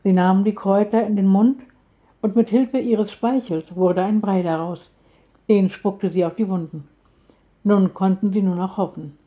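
Woman reading a kids' fairytale, mellow warm voice, calm and even. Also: mid-range voice. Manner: calm, measured storytelling. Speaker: storyteller. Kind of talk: children's story reading.

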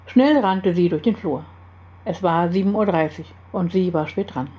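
Mellow-voiced woman reading a story. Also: lowish voice, moderate pace, dull audio. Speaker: story reader. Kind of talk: scripted narration.

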